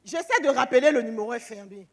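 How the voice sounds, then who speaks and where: A woman giving an emotional church testimony, animated, acting out the phone calls she tells about. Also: fairly high pitch, fast, big-room sound.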